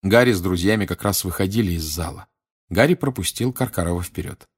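A man reading a bedtime storybook aloud, narrating in a calm, even way. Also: low voice, brisk, slightly rough. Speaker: audiobook reader.

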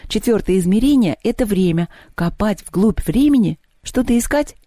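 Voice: mid-range voice, animated, moderate pace, dark tone, dry recording, clean studio sound, voice pushed up, close to an everyday voice. A reader voicing a blunt, cheeky boy who mutters his thoughts. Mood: musing.

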